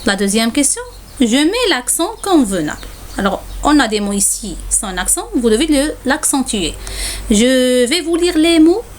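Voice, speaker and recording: A woman's voice: sits high, very animated, a little slow, a little hiss or hum. A woman teacher giving a spelling lesson, dictating single words with care and saying "alors" often. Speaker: French teacher.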